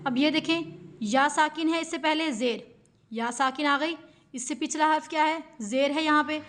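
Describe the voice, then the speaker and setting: A woman's voice: sits high, moderate pace, a bit bright. A woman Quran teacher with a Pakistani Urdu accent, giving a patient step-by-step recitation lesson that spells out sounds syllable by syllable and poses questions to her students.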